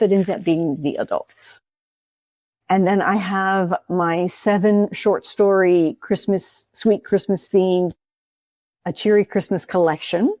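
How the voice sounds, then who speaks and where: A woman's voice: lowish voice, mellow, dry recording. A woman author speaking as an interview guest, rambling and explaining at length. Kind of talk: casual interview chat.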